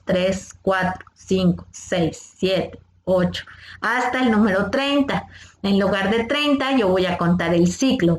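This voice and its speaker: Teaching first aid to a group of young scouts, a woman goes through everything patiently, one step at a time, quizzing the kids along the way. She has a mid-range voice, and the recording is reverberant.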